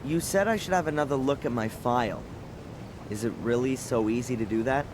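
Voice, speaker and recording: A man's voice: mid-range voice, fairly quick, noisy background, natural voice. A man voicing a sullen, sceptical suspect who is a video game's protagonist, dry and sardonic. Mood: determined, sullen. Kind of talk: video game voice acting.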